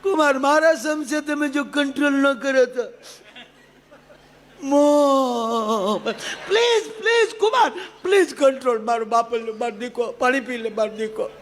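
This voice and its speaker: A man voicing a middle-aged bride's mother who pleads in a high voice, half laughing and half crying. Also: fairly even intonation, normal speed, hardly any pauses, a bit bright, a little hiss or hum. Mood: tearful pleading.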